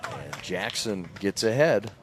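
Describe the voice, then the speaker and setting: Low-voiced man calling live baseball. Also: lively intonation, slow pace, noisy background. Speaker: baseball play-by-play announcer. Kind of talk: live sports commentary. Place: outdoors at a ball field.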